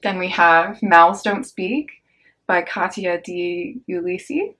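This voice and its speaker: Young woman doing a book haul vlog, kinda low voice, casual and slangy, lots of little asides. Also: animated, fairly bright tone. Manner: chatty and slangy, with quick asides and laughs. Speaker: book vlogger.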